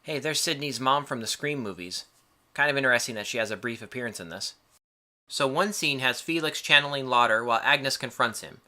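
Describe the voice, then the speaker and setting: A man's voice: medium pitch, fairly quick, pushed and bright. A man reading a scripted film review in a casual way, with wry, joking asides.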